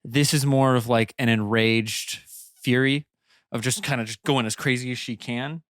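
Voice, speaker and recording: A man narrating a tabletop game as game master, loose and halting with many fillers. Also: mid-range voice, fairly even intonation, a bit bright, dry recording, studio quality.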